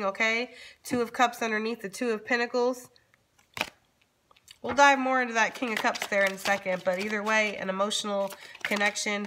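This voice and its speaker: A woman giving a casual, chatty tarot reading as channel host, speaking informally and straight to her viewers. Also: mid-range voice. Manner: informal, addresses viewers directly, frequently checks in with "okay?". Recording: background noise with card shuffling and clicks.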